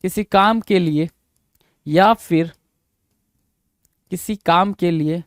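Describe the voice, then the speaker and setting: Man, English idiom lesson, Hindi-English mix, slow repeated phrases, rhetorical questions, dry close sound. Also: high voice, clear, resonant tone, no echo. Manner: Hindi-English code-switching, repeats phrases slowly for dictation; asks rhetorical questions to students. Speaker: English vocabulary teacher. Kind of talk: exam-prep lesson.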